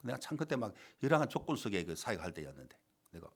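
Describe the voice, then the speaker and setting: Animated man preaching a sermon. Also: fast talker, husky. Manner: storytelling, dramatic swings in pitch and volume. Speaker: pastor. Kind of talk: sermon with acted-out quotes. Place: church sanctuary.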